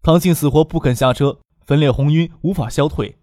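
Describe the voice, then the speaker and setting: A man narrating a novel as an audiobook narrator, with expressive storytelling. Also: fairly high pitch, fairly quick, no room sound, studio quality.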